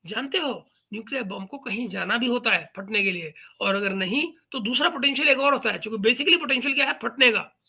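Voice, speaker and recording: A man's voice: very high voice, expressive, a little fast, gravelly, bright, forceful tone, slightly rough. A man hosting a reaction commentary channel, talking in a mocking, sarcastic way. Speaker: YouTube commentary host.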